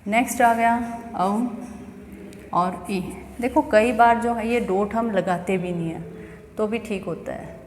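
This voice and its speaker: Slow-speaking woman teacher, echoey room. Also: medium pitch. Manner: slow, repetitive explaining with frequent rhetorical questions. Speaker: English pronunciation teacher. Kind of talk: classroom-style lesson explaining phonetics. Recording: echoey room with long reverb, faint ambient noise.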